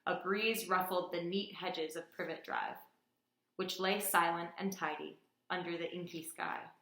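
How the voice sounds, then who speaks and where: A woman reading a children's book aloud in a gentle, unhurried way. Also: on the low side, fairly even intonation, echoey room. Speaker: storytime reader.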